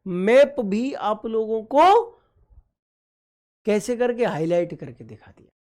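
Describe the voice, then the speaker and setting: A woman's voice: a little high, expressive, takes it slowly, dark tone. Fond, quizzing woman teacher. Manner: affectionate, addresses students as children; repeats and quizzes, frequent "okay ji" check-ins. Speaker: exam-prep teacher. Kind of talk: online geography lesson over a map.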